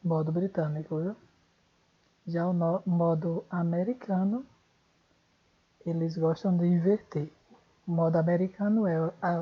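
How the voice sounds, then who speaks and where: A woman with a Brazilian Portuguese accent gives an online English lesson at an unhurried pace. Her voice is a little breathy, and she thinks aloud, often stopping to fix what she just said. The recording sounds dull and lo-fi. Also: fairly low pitch. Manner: thinks aloud, corrects herself mid-sentence. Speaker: English teacher.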